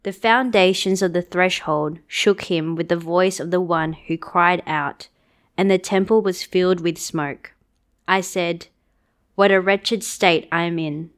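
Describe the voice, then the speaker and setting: A woman reading scripture as a lector in a solemn, measured liturgical style. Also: fairly low pitch, fairly even intonation.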